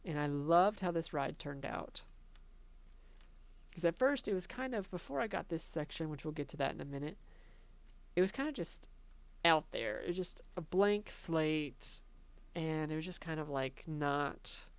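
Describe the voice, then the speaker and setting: A woman casually narrating a tour of her own theme park, chatty and relaxed, laughing between remarks. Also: low voice, highs cut off.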